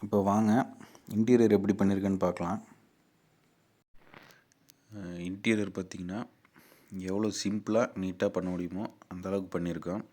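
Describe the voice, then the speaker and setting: A man with a Tamil Nadu accent, who builds and repairs amplifiers and presents his own video channel, gives viewers an informal product walkthrough explained in plain terms. His voice is low and dark, with fairly even intonation, delivered briskly with long pauses.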